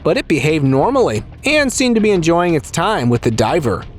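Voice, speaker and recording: A man's voice: fairly high pitch, sing-song, brisk, faint music behind. A man reading scripted nature documentary narration for a video about strange creatures, as a voice-over.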